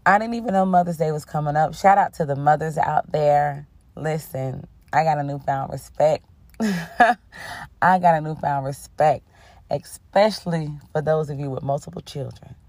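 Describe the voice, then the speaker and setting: Low-voiced woman hosting a podcast, under the weather. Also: moderate pace, dry recording. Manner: warm-toned, affirming, sprinkles in "okay?" and "honey". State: under the weather, voice a bit rough. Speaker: podcast host. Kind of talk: casual spiritual podcast chat.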